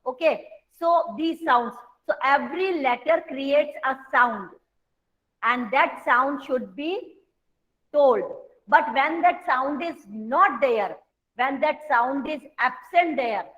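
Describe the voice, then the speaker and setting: Indian lady teacher, high voice, really slow and patient, dull lo-fi call audio. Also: fairly bright tone. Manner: patient, explains slowly, mixes Hindi and English. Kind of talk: online class lesson.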